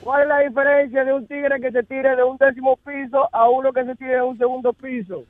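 A man's voice: very high voice, level tone, a little fast, no room sound, soft background music. A man calling in to tell jokes, acting out each character's lines. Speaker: caller telling a joke. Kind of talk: joke telling. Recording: dry, tinny phone line.

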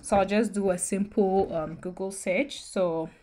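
A young woman giving grad school tips in a relaxed, sleepy late-night voice with frequent ums. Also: medium pitch, unhurried, noisy background. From Ghana. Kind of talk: casual tutorial talk.

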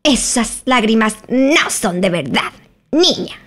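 Shrill fussy storybook twin a woman puts on, very high voice. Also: expressive, slow. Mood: scornful. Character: scornful twin brother, excitable and fussy. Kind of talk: audiobook character voice.

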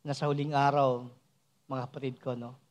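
A man, a church elder, preaching a sermon with frequent rhetorical asides, moving between soft asides and raised, emphatic passages. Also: mid-range voice, level tone, normal speed, lo-fi sound.

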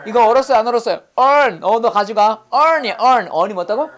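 A woman's voice: on the high side, lively intonation, moderate pace. A woman teaching English vocabulary in class, drilling students with call-and-repeat prompts and playful memory tricks.

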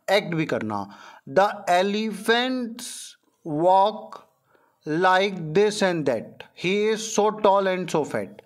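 A man teaching a primary school English lesson, asking questions and then answering them himself. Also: sits high. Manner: drawn-out syllables on English words. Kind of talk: explaining a textbook lesson.

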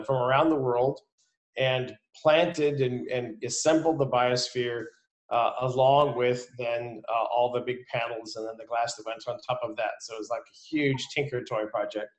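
Middle-aged guy on a video call explaining stuff, uhs and restarts, echoey room. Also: medium pitch. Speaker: panelist. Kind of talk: casual panel discussion.

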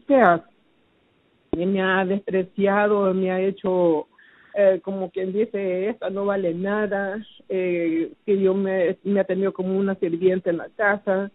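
Woman, personal testimony, hesitant and halting, fillers and restarts, narrow tinny line. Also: medium pitch, no echo. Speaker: testimony giver. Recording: phone-like, dry narrow sound.

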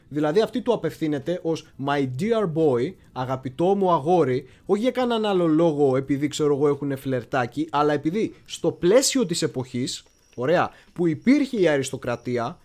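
A man's voice: fairly high pitch, darkish tone. A man hosting a casual history livestream, chatty and digressive, often stopping to search for words. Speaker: history channel host.

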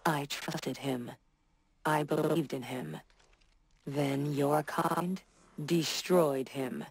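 Slow, gravelly, bitter synth robot. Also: female voice, low-pitched, fairly even intonation, full character voice, rough recording. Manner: cold, slow and measured, contemptuous.

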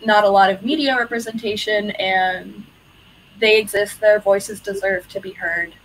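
A woman with a slightly husky voice, speaking at a middle pitch for a woman. She encourages her listeners earnestly as a panelist, now and then restarting a sentence. She sounds like she is on a video call. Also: fairly even intonation, normal speed, rough recording. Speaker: panelist, unified sports partner. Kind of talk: panel discussion.

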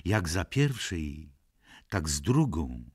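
A man voicing a fearful, pious old nursemaid in an audiobook, husky and confiding, with a sighing manner. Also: low-pitched, very animated, slow pace, dry recording, studio quality, pitched below the performer's own voice, heavily acted. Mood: mournful. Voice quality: husky, gravelly. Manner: sighing, hushed, confiding storyteller. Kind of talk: audiobook character reading.

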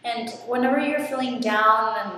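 A woman's voice: on the high side, moderate pace, sharp tone, distant mic. A young woman student gives an earnest, encouraging testimonial to a laptop webcam in a small room. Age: young adult. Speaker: first-generation college student. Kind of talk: short testimonial to camera. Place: small dorm room, indoors. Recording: echoey room, from the mic, faint hiss.

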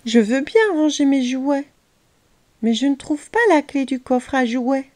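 A woman voicing a cheeky, clever little boy in a storybook reading, with a high, teasing delivery. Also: measured pace, darkish tone. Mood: hesitant.

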